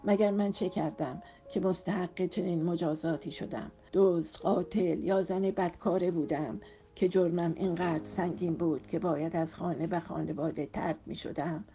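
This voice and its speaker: A woman's voice: fairly low pitch, steady tone, mellow, faint music behind. A woman reading a romance novel aloud in the first person, with an emotional storytelling delivery. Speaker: audiobook narrator.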